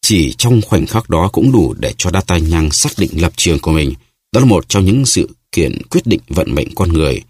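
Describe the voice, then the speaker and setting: Male audiobook narrator, steady storytelling; very low, husky voice, dry close recording. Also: normal speed, dry recording. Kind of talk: scripted narration.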